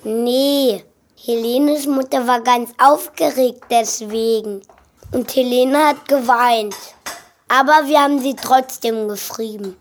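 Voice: medium pitch, fairly even intonation, slow. A performer playing an eager young schoolboy who talks insistently to his mother in a children's audio drama.

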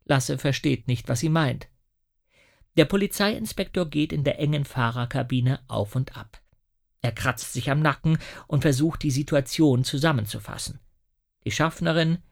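A man narrating a children's audiobook in a lively, expressive storytelling manner. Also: mid-range voice, creaky.

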